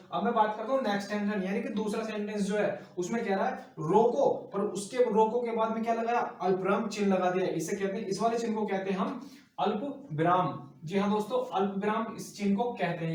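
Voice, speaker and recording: A man teaching Hindi grammar for exam prep, explaining slowly and repeating example sentences with stretched emphasis. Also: high-pitched. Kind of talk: classroom lecture for exam prep. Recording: echoey room, voice from a distance.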